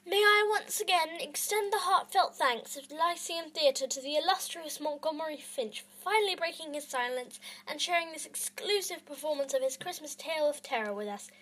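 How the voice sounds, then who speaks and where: A woman's voice: sits high, moderate pace, hardly any pauses, fairly bright tone, voice pushed up. A woman voicing a fawning, nervous male theatre manager in a storybook reading, speaking in a gushing, flowery way.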